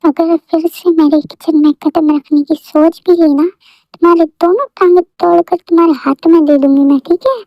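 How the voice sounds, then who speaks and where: A woman's voice: very high-pitched, normal speed, no room sound. A woman voicing a bossy, sulky young wife who scolds and teases her husband in a fan audio story. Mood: scolding. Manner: scolding, pouty, dramatic. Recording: dull lo-fi dry recording.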